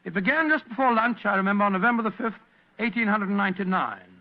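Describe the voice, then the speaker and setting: A genial fussy old english doctor, high voice, chatty storyteller, muffled old radio sound. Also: male voice, lively intonation, quick pace. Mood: genial, storytelling. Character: genial, fussy older English doctor recounting past adventures. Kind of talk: 1940s radio acting. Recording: muffled vintage radio broadcast.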